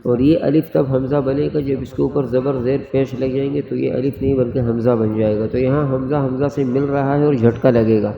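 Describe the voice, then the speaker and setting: A man teaching Quran reading step by step, patiently sounding out letters slowly and repeating them. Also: mid-range voice, fairly even intonation, gravelly. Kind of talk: step-by-step recitation lesson. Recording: roomy, long echo, dull lo-fi sound.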